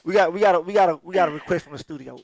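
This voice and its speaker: A man's voice: high voice, rapid-fire, dry recording, rough recording. A man hosting and joking around, often restarting his sentences. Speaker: host. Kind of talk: casual chat.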